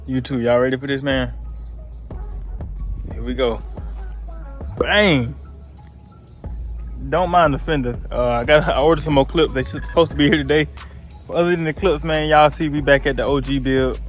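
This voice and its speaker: Working outdoors on stripping the vinyl wrap off his Jeep, a young man talks to his phone camera in a laid-back way, repeating "y'all" and "man." He speaks at normal speed with long pauses in a medium-pitched voice, and the low-quality recording has faint music behind it.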